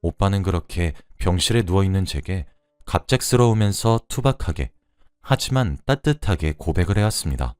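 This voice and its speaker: A man's voice: sits low, lively intonation, normal speed, a little mellow, clear, resonant tone, no echo, studio quality. A man reading out a first-person true story as scripted narration.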